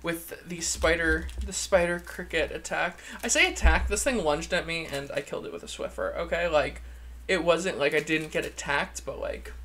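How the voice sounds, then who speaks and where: A man with a campy, chatty drag queen manner, giving a casual, gushing video review in a creaky voice. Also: a little high, normal speed, a bit bright, slight background noise. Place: indoor room, seated at a desk.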